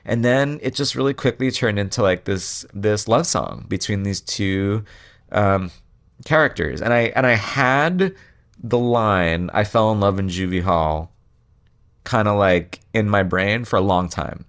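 A man's voice: on the low side, expressive, measured pace, fairly bright tone. A man talking casually in an interview about writing a song, rambling with many fillers and restarts. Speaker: songwriter guest.

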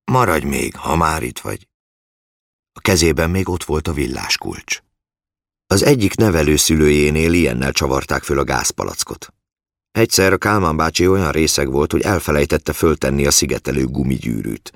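A man narrating an audiobook in a measured, matter-of-fact way. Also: a bass voice, no echo, clean studio sound.

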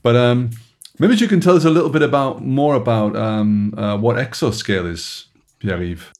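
A man co-hosting a podcast in a relaxed, chatty way. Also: medium pitch, moderate pace. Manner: relaxed, chatty, laughs often. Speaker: podcast co-host. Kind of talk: casual podcast conversation.

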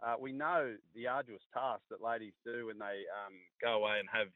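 A man's voice: on the low side, steady tone, normal speed, no room sound. Blokey Australian man on a phone line. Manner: blokey, laid-back Aussie mateship slang. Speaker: sports pundit and former player. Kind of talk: casual radio sports chat.

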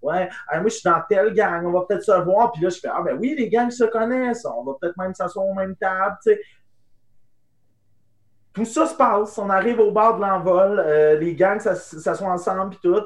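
A young man with a Québécois French accent telling an animated anecdote in casual chat, dropping to hushed tones for the punchlines. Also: sits high, roomy sound. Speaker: improv guest. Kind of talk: casual storytelling.

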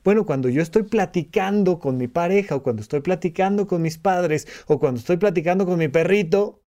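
A psychiatrist hosting a solo podcast, explaining calmly and now and then acting out short quoted lines. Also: male voice, high-pitched, fairly quick. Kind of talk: reflective solo podcast talk.

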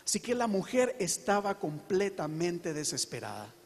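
High-voiced man preaching in a reverberant hall. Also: very animated. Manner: earnest, emphatic preaching with slow dramatic pauses. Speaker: pastor. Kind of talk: sermon.

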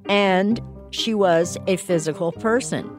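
A woman's voice: medium pitch, slow pace. A woman speaking conversationally as a documentary interview guest. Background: faint music.

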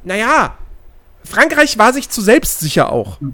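A woman's voice: a little high, wildly swooping pitch, a little slow, sharp tone. A woman giving her opinions on football in casual podcast chat, repeating words as she searches for them.

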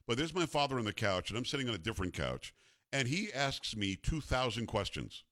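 A man's voice: medium pitch, big pitch swings, a little fast, fairly bright tone, dry recording, clean studio sound. A man in his fifties hosting a talk radio show, teasing his co-host and then giving blunt opinions in casual banter. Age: 50s.

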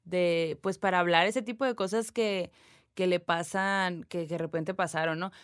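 Speaking at a normal pace, this young Mexican woman has a lowish, clear, resonant voice with a Mexican Spanish accent and no echo, captured on a close, dry mic. As a podcast co-host, she retells a story casually and animatedly, using slang and acted whispers.

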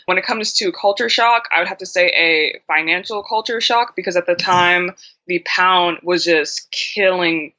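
A woman guest in a casual interview conversation, an animated storyteller who acts out quoted dialogue. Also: on the low side, normal speed. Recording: dull lo-fi sound.

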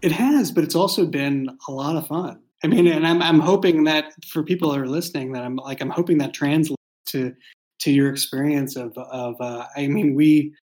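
Fairly high in pitch and a little mellow, his voice keeps a normal pace. The man wrote and created an audio drama and discusses it informally behind the scenes, his phrasing reflective, halting and meandering.

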